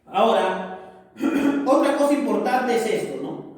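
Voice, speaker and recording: A male teacher giving a grammar lesson, slowly reciting verb forms and checking understanding after almost every phrase. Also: very high voice. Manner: tags nearly every phrase with "¿no es cierto?" and "¿correcto?". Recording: echoey hall, mic far off.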